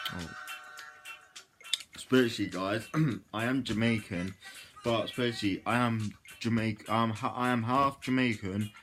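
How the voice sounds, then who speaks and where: A man hosting a casual reaction video, rambling with repeated filler phrases, swearing freely and breaking into sudden loud outbursts. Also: fairly low pitch.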